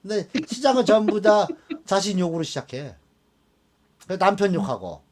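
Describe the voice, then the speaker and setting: A man teaching a class of students, animated and often checking that they follow along. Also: sits high, moderate pace, a crowd in the background. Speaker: fortune-telling teacher. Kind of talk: classroom lecture.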